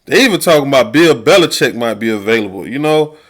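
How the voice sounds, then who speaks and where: A man's voice: medium pitch, animated, fast. A man hosting a podcast, venting about football in a heated, profane, casual rant. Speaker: podcast host.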